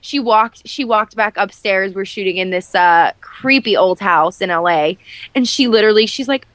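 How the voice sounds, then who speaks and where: A woman's voice: medium pitch, moderate pace, a bit bright. A young woman in her twenties chats openly as an interview guest. She rambles a little, restarting sentences and padding them with fillers. The sound is close and dry, with no room echo. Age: 20s. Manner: chatty, candid, many fillers and restarts. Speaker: actress guest. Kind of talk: casual interview chat.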